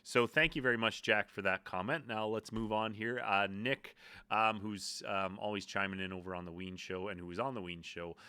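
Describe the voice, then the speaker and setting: A man's voice: fairly low pitch, fairly even intonation, normal speed, pushed and bright, smooth, no echo. A man hosting a casual vlog, talking to camera in a rambling, self-deprecating way with many asides. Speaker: YouTube host.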